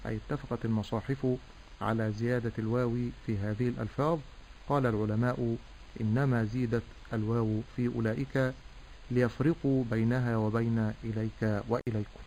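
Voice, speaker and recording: A man teaching correct Quran recitation, explaining pronunciation slowly and drawing out vowels to demonstrate. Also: mid-range voice, darkish tone, slight background noise, rough recording. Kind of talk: tajweed lesson with recitation.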